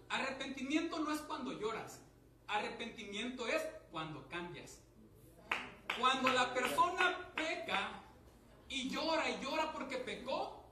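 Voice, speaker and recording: Man, preacher, fervent sermon, rhetorical questions, very high voice, echoey hall recorded from a distance. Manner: impassioned, rising to loud exhortation; asks the congregation rhetorical questions. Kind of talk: evangelical sermon. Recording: echoey hall, mic some distance off, faint background hiss.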